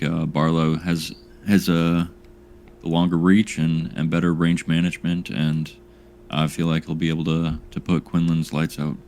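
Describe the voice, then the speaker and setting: Very deep-voiced man, halting co-host. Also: a little hiss or hum. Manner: halting, repeats words as he thinks. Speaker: podcast co-host making fight picks. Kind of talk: casual chat.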